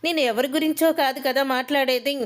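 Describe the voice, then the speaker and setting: A brazen, defiant young wife with a high voice, read by a woman telling the story. She taunts and shows no shame. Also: fairly even intonation, a little fast, close to an everyday voice. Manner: taunting, unashamed.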